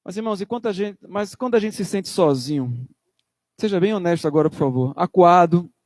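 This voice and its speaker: Male pastor, emphatic sermon delivery, high voice, dry close sound. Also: expressive, a little fast, darkish tone, dry recording. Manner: emphatic preaching, acts out church members in quotes.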